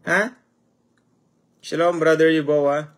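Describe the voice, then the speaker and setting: A man's voice: fairly high pitch, steady tone, slow pace. A man preaching a sermon, firing rhetorical questions at his listeners and mixing English phrases into his talk. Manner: greets viewers by name mid-sermon.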